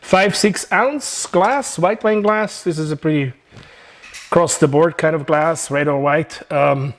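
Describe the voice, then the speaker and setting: A man's voice: on the high side, a little slow. A man with a Swiss accent, a chef chatting and joking through a cooking demonstration in his home kitchen. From Switzerland. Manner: chatty, joking, relaxed instructions.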